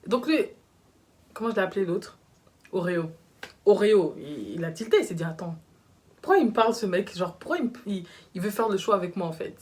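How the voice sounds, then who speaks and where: Young adult woman, casual storytime, slangy, animated, mid-pitched voice. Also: a little fast. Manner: slangy, animated, acts out the people she quotes.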